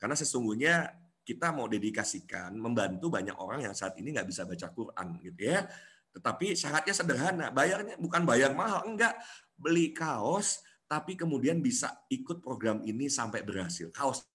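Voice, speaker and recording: Lively, bright-voiced man coaching. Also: medium pitch, moderate pace. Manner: animated, acts out quoted voices. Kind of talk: coaching class talk.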